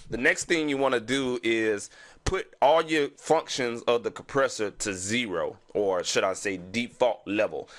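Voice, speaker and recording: A man's voice: mid-range voice, fairly bright tone. A man with a Houston accent, sounding stuffy from sinuses, casually explaining music production and saying "you know what I'm saying" again and again. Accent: Southern US, Houston. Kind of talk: casual screen-recording tutorial.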